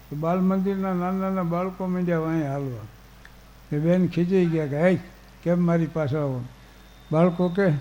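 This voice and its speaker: Older male stage humorist, folksy anecdotal delivery, slightly high, warm and mellow tone. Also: rough recording. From Gujarat, India. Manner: folksy, anecdotal, quotes verse. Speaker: storyteller on stage. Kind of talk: humorous storytelling to a live audience.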